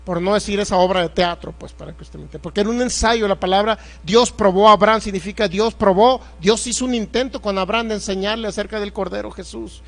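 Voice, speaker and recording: A man's voice: high voice, quick pace, vocal fry, few pauses, fairly bright tone. A man preaching a sermon as pastor, emphatic and confrontational, firing rhetorical questions at the congregation.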